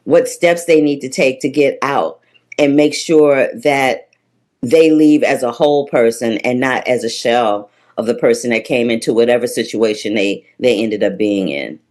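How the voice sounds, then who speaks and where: A woman hosting a podcast, asking earnest, thoughtful interview questions at a measured pace. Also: rumbling low, a little mellow.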